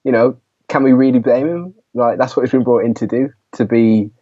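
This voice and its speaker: A man speaks in a mellow, relaxed voice as an easygoing podcast co-host who agrees readily. His audio sounds dull and lo-fi, with the highs rolled off. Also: fairly quick. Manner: agreeable, many "yeah"s and "you know"s. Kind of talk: casual fan podcast chat.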